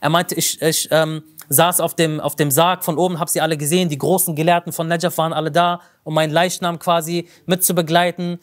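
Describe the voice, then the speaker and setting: Male lecturer, high voice, narrative teaching, explains terms as he goes. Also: flat delivery, a little fast. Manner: vivid storyteller who explains terms as he goes. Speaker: religious lecturer. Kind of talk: religious lecture with storytelling.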